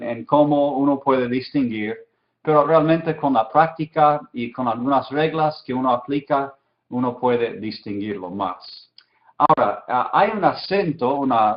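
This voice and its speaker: Man, teacher, slow measured lecture, checks in with "ok?", filler "ah"s, muffled lo-fi audio. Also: mid-range voice. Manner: patient, checks understanding with frequent "¿sí?" and "¿ok?"; repeats key terms, many "ah" fillers. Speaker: Biblical Hebrew teacher. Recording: dull lo-fi recording.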